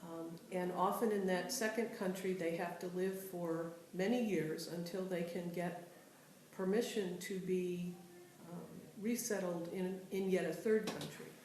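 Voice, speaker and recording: A woman clearly and steadily explaining what refugees are. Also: fairly low pitch, steady tone, measured pace, a little mellow. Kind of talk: explanatory interview answer. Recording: very echoey room with faint noise.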